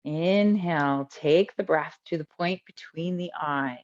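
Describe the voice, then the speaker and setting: A low-pitched woman guides a breathing meditation, calm and unhurried, leaving long pauses between each instruction. The recording has its highs cut off.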